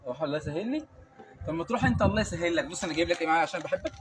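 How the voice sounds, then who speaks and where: A man's voice: on the high side, expressive, very fast. An Egyptian man, a charity founder, coaxing and soothing a homeless man outdoors on a sunny street, pleading and affectionate. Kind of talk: coaxing street outreach talk. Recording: loud street noise behind.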